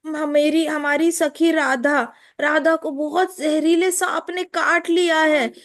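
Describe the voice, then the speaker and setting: A woman's voice: sits high, steady tone, pitched above the performer's own voice. A woman doing a tearful breathless young friend. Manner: halting, slow, sobbing speech.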